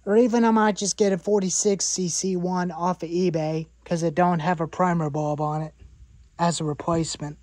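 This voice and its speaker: A woman's voice: fairly low pitch, fairly even intonation, moderate pace, a little mellow, no echo. A woman in her twenties, rambling about saw parts, repeating herself and listing items in a cluttered garage. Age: 20s. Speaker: chainsaw hobbyist vlogger. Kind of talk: rambling show-and-tell in a workshop.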